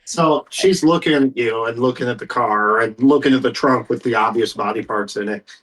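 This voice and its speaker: A man acting as game master narrates a tabletop game, improvising in a halting, conversational way and voicing characters in plain speech. His mid-range voice is a bit bright, and the audio quality is poor.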